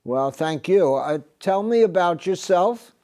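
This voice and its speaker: An older man hosting a studio health interview, speaking haltingly with many filler sounds, recorded on a lapel mic in a TV studio. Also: high voice, lively intonation, mellow. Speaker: host. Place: TV studio set.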